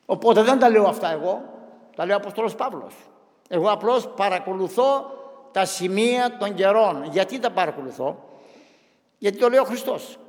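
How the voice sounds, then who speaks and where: A man with a high voice preaches a fervent sermon as a priest. His voice rises and presses with emphasis. The long reverb of a church hangs behind every phrase. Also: animated, a little mellow. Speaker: Orthodox priest.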